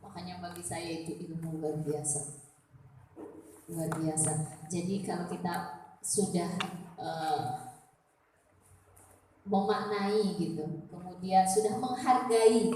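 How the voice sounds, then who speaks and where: A woman teaching a religious study group for women, speaking conversationally with tag questions and quiet, humble prayers voiced aloud. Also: fairly low pitch, slow pace, pauses often. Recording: very echoey room, voice from far off, faint noise.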